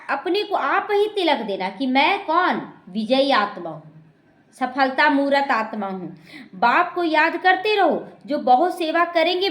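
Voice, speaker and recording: A woman teaches scripture to a class in a meditation hall, speaking directly to her listeners and going over her points again and again. She has a high, fairly bright voice, and the recording carries a noticeable echo.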